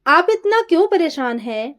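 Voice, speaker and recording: A woman voicing a gentle young daughter-in-law who pleads softly in a story reading. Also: high-pitched, sing-song, normal speed. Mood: pleading.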